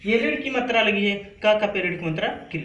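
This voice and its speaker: A male teacher with a high-pitched, bright voice leads a class lesson. He drills each sound, repeats it, and keeps asking the class to answer back. The voice rings in an echoey room with faint noise behind it. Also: a little fast, dull audio.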